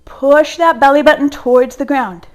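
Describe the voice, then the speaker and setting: A woman's voice: sits high, moderate pace. A young woman leading a home workout, giving encouraging cues while exercising along, getting out of breath at times. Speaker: fitness instructor.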